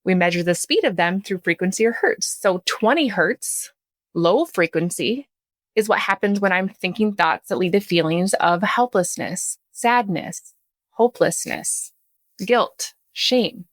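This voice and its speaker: A woman appears as a podcast guest and coach, giving an animated explanatory talk in an emphatic, conversational way and checking that listeners follow. Her medium-pitched voice is expressive and a little slow, captured in a dry recording.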